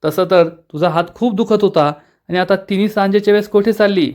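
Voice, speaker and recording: Man voicing cranky old granny, high and scolding, taunts. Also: fairly quick, a little mellow, close to an everyday voice. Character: grumbling sharp-tongued old grandmother.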